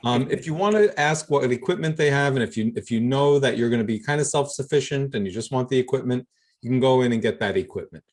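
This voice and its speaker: A man leads an online training session over a video call. He explains things casually and with upbeat enthusiasm, at an ordinary mid pitch. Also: quick pace. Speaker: workshop host. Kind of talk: casual instructional talk.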